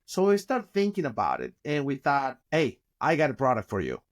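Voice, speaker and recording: A middle-aged company founder with a Chilean Spanish accent tells stories as a guest on a video call from his office, bookshelves behind him indoors. His medium-pitched voice moves fairly quickly in this casual interview. He's animated, gesturing with his hands and often restarting.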